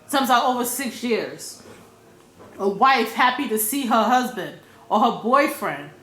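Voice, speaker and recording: A woman's voice: a little high, expressive, unhurried, a bit bright, reverberant. A woman vlogging her opinions in a blunt, profane way, repeating her points for emphasis. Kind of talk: casual opinion rant.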